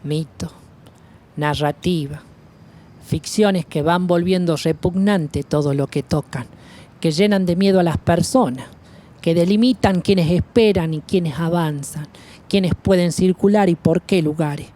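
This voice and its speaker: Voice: mid-range voice, unhurried, dark tone. A speaker from Argentina reading a scripted manifesto in a solemn, declamatory cadence with long lists. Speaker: narrator of an activist video piece. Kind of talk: scripted spoken-word manifesto narration.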